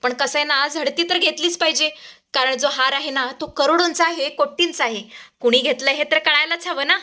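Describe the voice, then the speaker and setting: A woman's voice: high-pitched, normal speed, bright, forceful tone, pitched above the performer's own voice. A woman voicing a haughty, suspicious rich lady who orders people about and scorns a poor servant. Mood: bossy, scornful. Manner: commanding, scornful.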